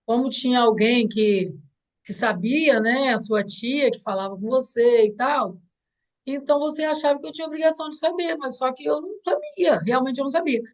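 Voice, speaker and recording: A middle-aged woman speaks with a Brazilian Portuguese accent and a fairly high voice. She answers an interview as a mother, sincerely and thoughtfully, often starting a sentence over before finishing it. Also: moderate pace, poor audio. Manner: earnest and reflective, with frequent restarts. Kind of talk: heartfelt conversation.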